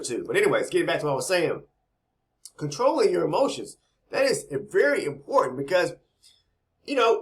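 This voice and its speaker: Talking casually and rambling, a man explains trading as a trading educator, his slightly raspy voice on the high side. His speech is full of repeated words and frequent "okay?" tags.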